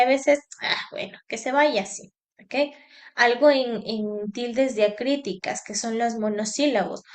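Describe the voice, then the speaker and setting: A woman teacher giving a lecture, lively and emphatic, often checking in with her students. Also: on the high side. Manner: lively, emphatic, keeps asking "¿sí?". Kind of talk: classroom lecture.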